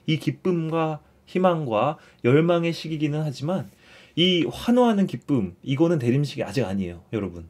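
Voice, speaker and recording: A man's voice: on the high side, sing-song, moderate pace. Man giving a casual catechism lesson. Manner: explains warmly, repeats phrases, often starts with "자".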